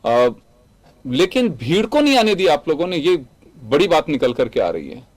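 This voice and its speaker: News anchor man, slightly high pitch. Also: very animated, normal speed. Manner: probing, interjecting questions. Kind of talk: moderating a TV debate.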